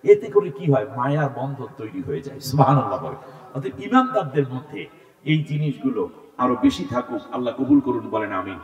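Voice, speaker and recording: A man preaches an Islamic sermon to a large gathering. He swings between loud exhortation and low asides. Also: very animated, brisk, muffled recording. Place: large open-air religious gathering. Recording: echoey hall sound from far off.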